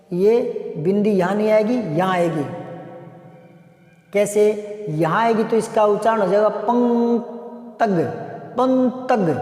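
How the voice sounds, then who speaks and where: A man's voice: high-pitched, warm tone. A man teaching a grammar lesson, explaining by repeating example sentences. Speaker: Hindi teacher. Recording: echoey room with long reverb.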